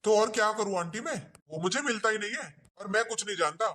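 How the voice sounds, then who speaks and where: A woman's voice: mid-range voice, expressive, fast talker, fairly bright tone, lightly acted. A woman playing a pushy young man demanding money. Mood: insistent. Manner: insistent, demanding. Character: young male moneylender friend, insistent. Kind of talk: family drama skit.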